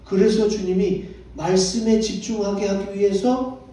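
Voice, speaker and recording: Pastor preaching in an echoey church. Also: male voice, high voice, steady tone, unhurried, mellow. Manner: asks the congregation questions and answers them himself. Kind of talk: sermon. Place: church sanctuary. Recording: echoey church hall, distant mic.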